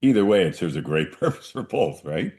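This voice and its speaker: A man hosting an interview, giving short encouraging replies and thinking out loud. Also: sits low, big pitch swings, a little fast. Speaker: interview host. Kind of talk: conversational interview.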